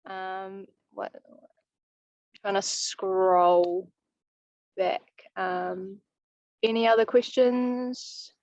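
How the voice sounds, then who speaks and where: A woman's voice: mid-range voice, flat delivery, extremely slow, pauses often, a little mellow, dry recording. Young New woman coaching over video call. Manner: practical, easygoing advice-giving. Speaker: climbing coach. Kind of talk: live online coaching Q&A. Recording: muffled, dry video call audio.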